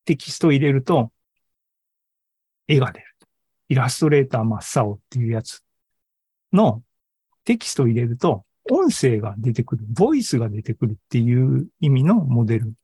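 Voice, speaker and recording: In a live online Zoom session, a presenter at an AI hobby forum who also hosts a podcast gives an informal tech talk, conversational and full of small tags and asides. His medium-pitched voice is warm and husky, with big pitch swings, a moderate pace and frequent pauses. The recording is dry, with clean studio sound.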